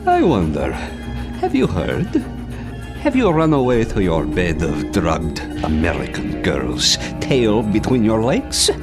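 A man voicing a menacing, drug-crazed colonel who taunts and gloats cruelly, with a slow, sneering delivery. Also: lowish voice, huge pitch swings, exaggerated voice. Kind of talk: audiobook character reading. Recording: music playing behind.

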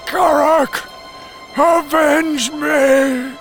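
A man voicing a desperate, vengeful old wizard who shouts his commands in a strained, gravelly voice. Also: very high voice, steady tone, extremely slow, soft background music, voice pushed up, exaggerated voice.

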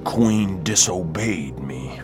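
Slow-talking, haughty cattle baron. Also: male voice, deep voice, expressive, music in the background. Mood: cold, disdainful. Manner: imperious, threatening. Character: haughty, menacing male cattle baron, used to command. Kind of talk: western audio drama acting.

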